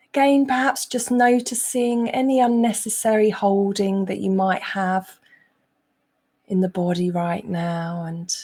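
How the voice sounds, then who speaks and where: Speaking in a mid-range voice, a woman coach leads a guided meditation, giving gentle instructions with frequent pauses.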